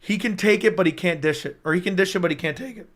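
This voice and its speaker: This is a high, fairly bright male voice belonging to a young MMA YouTuber who talks fast while reading viewer comments on a casual livestream. Speaking into a personal streaming mic, he rambles with hype and addresses chat directly. His strained voice cuts in and out.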